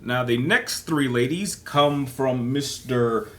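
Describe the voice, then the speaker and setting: A man's voice: medium pitch, slow pace, a bit bright. A man hosting a casual solo chat as he plays kiss-marry-kill, rambling and hesitant and often repeating his words. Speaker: host.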